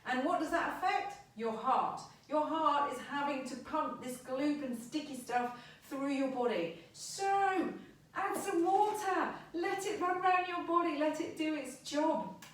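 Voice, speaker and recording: Woman therapist, high and emphatic, far from the mic in a booming echoey room. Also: animated, a little slow. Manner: chatty and emphatic, repeats advice. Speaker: back pain therapist. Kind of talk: informal health talk to camera.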